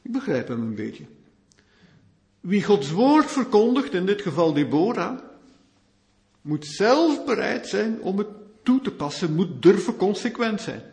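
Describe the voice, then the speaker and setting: A male preacher works through scripture verse by verse. He delivers his sermon emphatically, posing rhetorical questions in a fairly high voice. His pitch swings widely. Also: very animated, a little slow, vocal fry, long pauses, a little mellow. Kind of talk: expository sermon.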